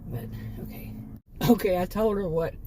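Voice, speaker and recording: A woman's voice: fairly low pitch, lively intonation, normal speed, noisy background. A woman in her late fifties chatting casually in a rambling vlog, often correcting herself and chuckling at her own asides. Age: 50s. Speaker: homemaking vlogger.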